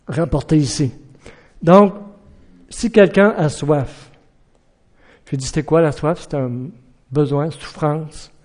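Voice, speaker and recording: A middle-aged man preaches a sermon in an earnest voice pitched a little high. He keeps putting questions to his listeners and breaks into acted-out shouted warnings.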